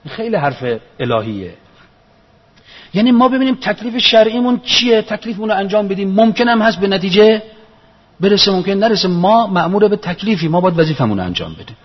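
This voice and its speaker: A man's voice: high-pitched, very animated, breathy edge. A man giving a religious lecture in an earnest, reasoning manner, repeating his key phrases for emphasis. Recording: echoey hall, dull lo-fi sound.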